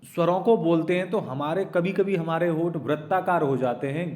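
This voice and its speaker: Guy teaching exam prep, kinda high voice, says vowels out loud, calls the students kids, keeps asking "right?". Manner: explains patiently, often checks with "right?"; addresses students as children.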